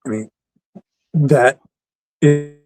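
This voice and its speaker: A man co-hosting a casual chat over a video call, his audio choppy and breaking up into halting fragments. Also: mid-range voice, over music. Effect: choppy, breaking-up online call audio. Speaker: co-host. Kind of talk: casual chat about toy collecting.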